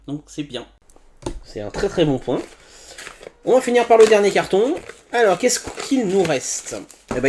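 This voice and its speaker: A man's voice: medium pitch, darkish tone. A man casually talking through an unboxing, thinking aloud with fillers and playful sound words. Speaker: tech reviewer.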